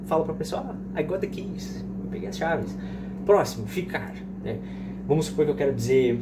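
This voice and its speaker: A man's voice: medium pitch, heavy background noise. A man explaining English verbs in a casual lesson, often repeating example sentences and checking in with "né?". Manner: fillers like "né?" and "tá?". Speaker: English teacher.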